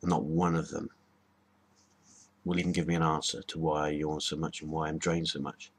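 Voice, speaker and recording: A man's voice: rumbling low, flat delivery, moderate pace, breathy edge. A man talking in a rambling, hesitant way, with many ums and restarts, giving a casual spoken lesson to camera. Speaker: video host.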